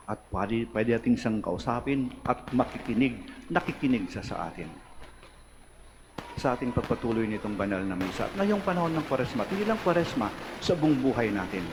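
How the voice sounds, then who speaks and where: A man, a priest giving a homily in church, animated at times and then soft and confiding. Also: medium pitch, noisy background. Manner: animated preaching with quiet, intimate asides.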